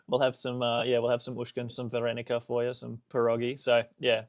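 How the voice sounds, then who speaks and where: A man co-hosting a podcast, easygoing and quick to laugh in casual chat. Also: medium pitch, monotone, dry recording. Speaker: podcast co-host.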